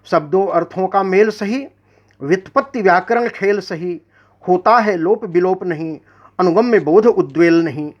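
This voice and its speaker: Slow and declamatory, a man who is a poet and magazine editor recites poems with formal audience-facing poise, often saying a line twice before going on. The audio quality is dull and lo-fi, its treble rolled off.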